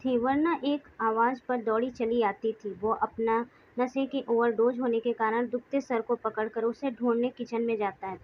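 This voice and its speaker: Woman storyteller, scripted narration, fairly high pitch, dull lo-fi sound. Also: a little hiss or hum. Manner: reads all characters in a mostly even narrating voice. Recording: dull lo-fi recording.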